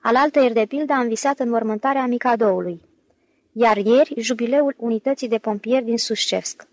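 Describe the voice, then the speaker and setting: A woman voicing a breezy, smooth-talking con man. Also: a little high, no echo. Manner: breezy, ingratiating. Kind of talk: audiobook character reading.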